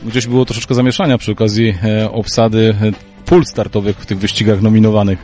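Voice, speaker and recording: A man's voice: on the low side, level tone, brisk, a little mellow, faint music behind. A male sports reporter interviewing riders and a coach and reading results, asking short leading questions.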